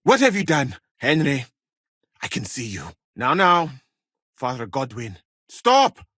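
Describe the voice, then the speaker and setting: An actor playing a learned, courteous physician from Mali in a video game, a husky voice and measured, formal phrasing. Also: male voice, medium pitch, huge pitch swings, fairly bright tone, no echo, clean studio sound, heavily acted. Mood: alarmed, outraged. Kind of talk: video game character dialogue.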